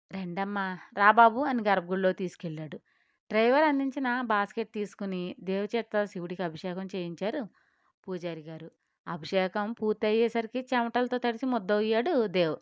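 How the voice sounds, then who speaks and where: Smooth-voiced woman narrating a romance. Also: mid-range voice, no echo, muffled recording. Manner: expressive, descriptive storytelling. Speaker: audio story narrator. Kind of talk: scripted narration.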